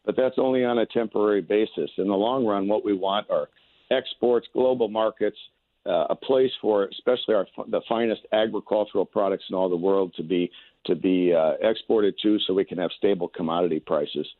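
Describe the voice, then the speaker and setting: Over a tinny, narrow phone connection, an American man running for office gives radio interview answers in a folksy campaign-trail style, repeating himself hesitantly. His lowish voice is brisk, and the recording is dry.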